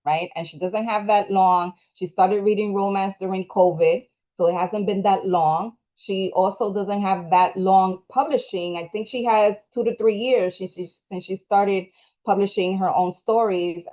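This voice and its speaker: A woman's voice: lowish voice, lo-fi sound. A woman moderating a panel, chatty and encouraging, tagging questions like "right?". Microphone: video call.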